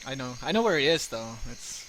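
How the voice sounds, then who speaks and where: A man's voice: mid-range voice, big pitch swings, brisk, a bit bright. Laughing, swearing man gaming. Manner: swears and laughs often while playing. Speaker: host. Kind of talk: casual gaming chat. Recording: very noisy audio.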